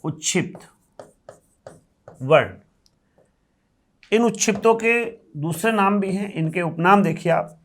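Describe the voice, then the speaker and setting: A man's voice: high-pitched, expressive, takes it slowly, long pauses, a little hiss or hum. A male Hindi grammar teacher giving a classroom lecture, explaining step by step, asking questions and answering them himself, and repeating key terms.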